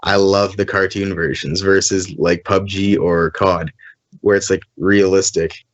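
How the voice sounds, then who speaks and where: A man's voice: deep voice, level tone, measured pace. A man co-hosting a casual gaming chat, easygoing and rambling as he explains. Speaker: co-host. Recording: dull lo-fi stream audio.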